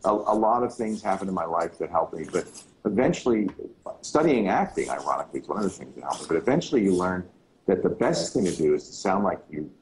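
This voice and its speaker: A middle-aged man and radio broadcaster in casual chat, telling stories in a relaxed way. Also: fast talker, slight background noise, low-quality recording. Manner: relaxed storyteller, slips into deep announcer voice.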